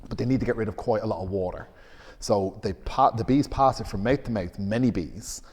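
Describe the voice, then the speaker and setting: Male co-host, low voice, rambling explainer, long reverb on the recording. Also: brisk, darkish tone, husky. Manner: explanatory, hesitant restarts, laughs at own jokes. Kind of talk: casual podcast chat.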